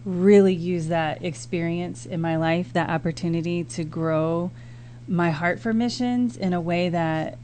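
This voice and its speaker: A middle-aged American woman, a native English speaker who is a missionary and former teacher, talks casually as a guest on a radio interview. Her fairly low, warm voice is unhurried, and there's background noise and hum.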